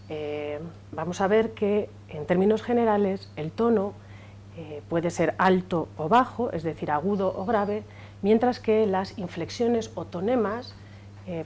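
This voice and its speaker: A woman lecturer explaining in a hesitant way with many pauses and fillers, trailing off quietly at phrase ends. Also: fairly low pitch, slight background noise. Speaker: university lecturer. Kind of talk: unscripted lecture.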